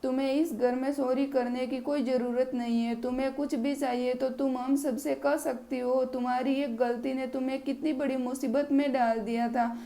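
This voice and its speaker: Lady doing a soft polite young bahu in a storybook, high flat voice. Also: normal speed, gravelly, few pauses, a little hiss or hum. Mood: gentle. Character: meek, gentle young daughter-in-law.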